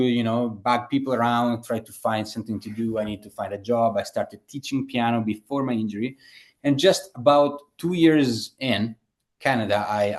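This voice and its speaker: A man, a guest telling his story in a casual interview, rambling with many fillers and restarts. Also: medium pitch. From Italy. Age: 30s.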